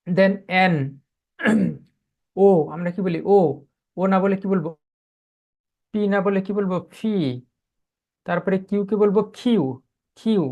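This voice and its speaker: A man's voice: sits high, a little mellow, highs cut off. A man teaching English letter pronunciation, asking questions and answering them himself. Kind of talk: spoken English pronunciation lesson.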